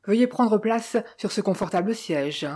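A woman reading the part of a calm, polite male detective with formal, measured speech. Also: medium pitch, breathy edge. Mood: courteous.

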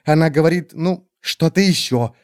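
A man reading an audiobook, voicing a tiny skeletal female dragon-bird, sly and bossy, in a high hissing voice. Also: moderate pace, darkish tone, clear, resonant tone, close to an everyday voice. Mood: scheming.

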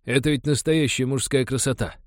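A man's voice: mid-range voice, fairly even intonation, fairly quick, no room sound, studio quality, voice pushed up, lightly acted. A man voicing a lazy, boastful male warrior in an audiobook.

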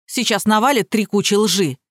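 Lady reading as jittery shifty guy, shrill and rushed, dry close sound. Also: dry recording, lightly acted. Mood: shrill protest. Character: nervous, shifty adult man accused of fraud.

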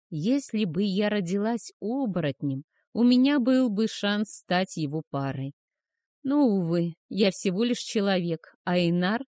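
A woman narrating a first-person romance audiobook in a soft, measured, emotional way. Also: mid-range voice, dry recording, clean studio sound.

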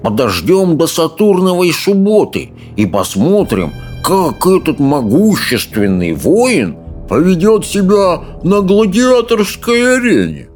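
A man reading an audiobook, voicing a fat, greedy, pompous male consul who talks in a slow, smug, chomping drawl. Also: high voice, big pitch swings, darkish tone, soft background music, pitched above the performer's own voice, full character voice.

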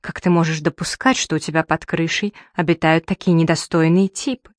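A woman's voice: sits low, fairly even intonation, brisk, no room sound, natural voice. A woman reading the part of a haughty, snobbish older woman in an audiobook, speaking with disdain. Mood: scornful. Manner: disdainful, imperious.

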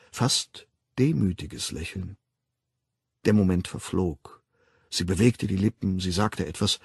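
A man narrating an audiobook with a measured, dramatic, husky reading. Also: mid-range voice, no echo, studio quality. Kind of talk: scripted narration.

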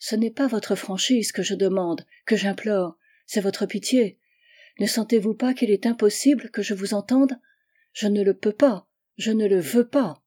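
Distressed young woman pleading, read by the narrator, mellow and warm, audiobook. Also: medium pitch, a little slow, few pauses, natural voice. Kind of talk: audiobook reading of a novel.

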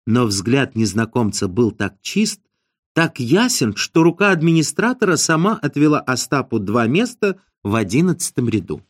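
Expressive male audiobook narrator. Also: mid-range voice, normal speed, dry recording, clean studio sound.

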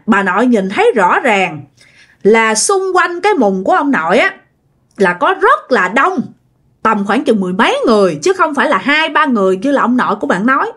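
A woman with a Southern Vietnamese accent telling a ghost story in a chatty way, talking directly to her listeners. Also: on the high side.

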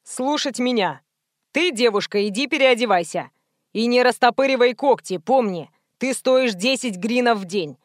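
Audiobook: a woman doing a brusque male film director, curt and commanding, rather high voice. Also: animated, normal speed, dry recording, clean studio sound, close to an everyday voice. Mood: bossy. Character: rude bossy male low-budget film director.

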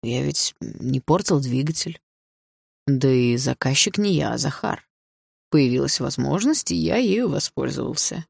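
A woman's voice: rumbling low, expressive, measured pace, vocal fry, darkish tone, breathy edge, dry recording, studio quality, exaggerated voice. A woman reading an audiobook, voicing a smug, possessive adult man who taunts coldly and sneers. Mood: smug menacing.

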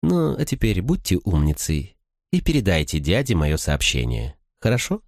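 A man's voice: deep voice, big pitch swings, moderate pace, no room sound, clean studio sound. A man voicing a sly, smug noblewoman who gossips and schemes, talking condescendingly in an audiobook. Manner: chattering, condescending.

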